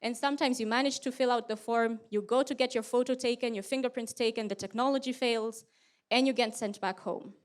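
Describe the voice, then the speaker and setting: A woman giving a prepared conference lightning talk as a research presenter, explaining in a clear, structured way with rhetorical questions. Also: fairly high pitch, fairly even intonation, brisk.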